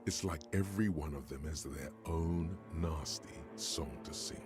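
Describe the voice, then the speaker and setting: A man narrating a video game in a somber, measured way, with a husky voice. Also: rumbling low, over loud music.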